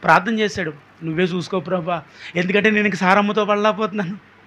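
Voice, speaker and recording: Bright high-voiced man preaching a sermon. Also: fairly even intonation, quick pace. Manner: preaching with rhetorical questions and calls for applause.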